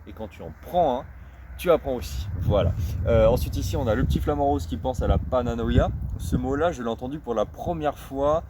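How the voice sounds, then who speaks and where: A man talks through a topic in an easy vlog manner, pausing often and repeating words as he looks for the right phrasing. His voice sits at an ordinary middle pitch, and he handles English phrases with slow, self-conscious care. A faint noise hums behind him. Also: mellow. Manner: hesitant and searching for words, often repeating himself. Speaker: street football vlogger. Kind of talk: casual explanatory vlog.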